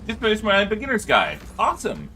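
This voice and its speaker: A male game streamer talking casually to his viewers through a desk microphone at home. His voice is bright and very lively, jumping into high yelps and frequent laughter, with faint background noise. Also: brisk, vocal fry. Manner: animated, laughs often, high-pitched yelps. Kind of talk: casual gaming livestream chat.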